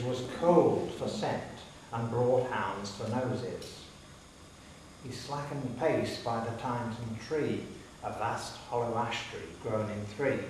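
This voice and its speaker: Reciting narrative poetry with drama, a man speaks at medium pitch in a somewhat dark tone. A faraway microphone captures him in a very reverberant public hall, and a slight hiss is audible.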